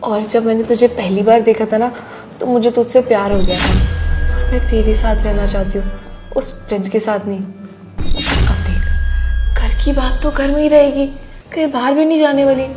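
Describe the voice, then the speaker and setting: A woman's voice: a little high, flat delivery, moderate pace, music in the background, lightly acted. A woman playing a scheming young married woman in a scripted drama, with an insistent, scolding way of talking. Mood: coaxing. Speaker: daughter-in-law character. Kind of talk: scripted Hindi short-drama acting.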